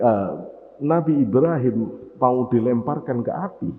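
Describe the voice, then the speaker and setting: A male preacher, giving a morning sermon with dramatic storytelling that swings from loud to hushed. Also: medium pitch. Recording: tinny lo-fi, long hall reverb.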